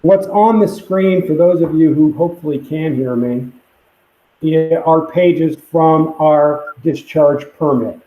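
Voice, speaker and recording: A man presents technical figures on a conference call in a plain, halting way. His voice comes through muffled, as if through a pipe, with a roomy echo around it. The tone is dark and a little high for a man. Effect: muffled, as if talking through a pipe. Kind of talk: technical briefing reading from a permit. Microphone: computer mic on a call. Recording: echoey, muffled call audio.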